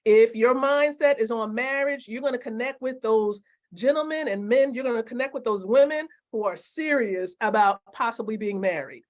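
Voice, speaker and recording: Speaking slightly high, a woman in her forties who coaches network marketing gives a motivational live-stream lesson. She drives home key phrases by slowly repeating them and keeps questioning her audience.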